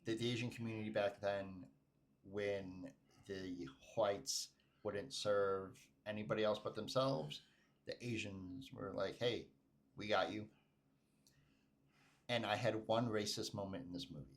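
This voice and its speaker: Man, podcast co-host, low voice, animated storyteller acting out quotes. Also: unhurried. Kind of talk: casual chat.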